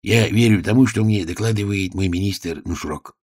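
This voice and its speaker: A man voicing a vain, capricious, suspicious little male king in an audiobook drama, with a husky low voice. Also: moderate pace, darkish tone, no room sound, studio quality, lightly acted.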